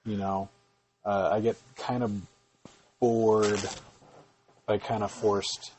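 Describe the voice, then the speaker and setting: A man's voice: on the low side, flat delivery, slow, a little mellow, poor audio. A man hosting a home podcast, chatting casually with his wife and rambling with many fillers. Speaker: podcast host. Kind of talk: casual chat.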